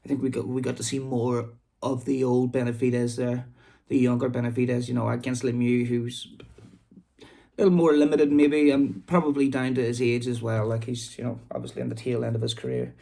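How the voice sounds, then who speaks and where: Gravelly, mellow Belfast man chatting casually. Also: medium pitch, fairly even intonation, fairly quick. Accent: Belfast, Northern Irish. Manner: rambling, informal. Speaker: boxing vlog host. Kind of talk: casual chatty commentary to camera. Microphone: phone.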